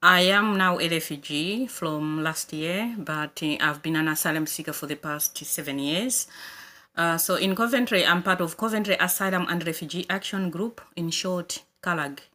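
A woman from Malawi, a campaigner answering interview questions in a hesitant way, with frequent pauses and fillers. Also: lowish voice, sharp tone. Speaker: guest, migrants' rights campaigner.

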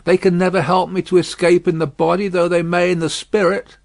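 A frail old prisoner, dazed and haunted, as a man reads him aloud, his voice lifted high and wavering with each broken question. He speaks haltingly, as if groping for memories. The recording is dry and close. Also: level tone, creaky, no room sound. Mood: remembering. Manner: halting, wondering, broken phrases.

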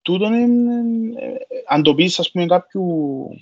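A man's voice: on the high side, steady tone, a bit bright, dull audio. A man from Cyprus with a Cypriot Greek accent, chatting casually and colloquially on a podcast. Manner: colloquial, repeats filler phrases.

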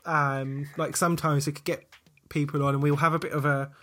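A man from the south coast of England speaks with a southern English accent in a fairly high voice. He hosts in a casual chatty style, thinking aloud and gently putting himself down. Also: flat delivery, a little fast. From Portsmouth, south coast of England. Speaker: podcast host. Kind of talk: casual chat.

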